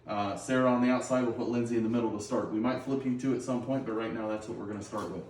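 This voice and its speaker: A man's voice: mid-range voice, steady tone, fast talker, a little mellow, slight background noise. Middle aged guy coach doing a pregame pep talk to his team, plain instructions, kinda far from the mic, echoey room. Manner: plain-spoken, instructive, often checking with okay. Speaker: high school girls' basketball coach. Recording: roomy echo, distant microphone.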